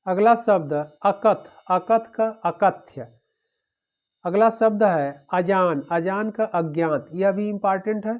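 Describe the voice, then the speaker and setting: A man teaching an exam-prep lecture, drilling through word pairs one after another in a steady, repetitive way. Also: sits high, slow. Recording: dull lo-fi recording.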